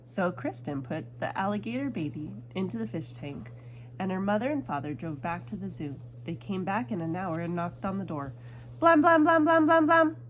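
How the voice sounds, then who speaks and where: A woman reading a picture book aloud to a child at home, with a lively storybook delivery. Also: lowish voice, moderate pace, a little hiss or hum, rough recording.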